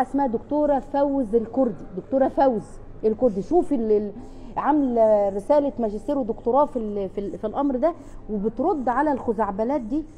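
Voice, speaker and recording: Egyptian woman in a live chat, fast, restarts a lot, faint room hum. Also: on the high side, dull audio. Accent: Egyptian Arabic. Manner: chatty, fast, with frequent restarts and emphatic repeats. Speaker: family counselor answering viewers. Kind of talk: casual live chat answering questions.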